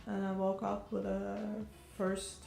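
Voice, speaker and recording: Gravelly, flat woman. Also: mid-range voice, slow pace. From Ukraine. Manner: hesitant, recalling. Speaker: professional dancer. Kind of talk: documentary interview. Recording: echoey room with faint music.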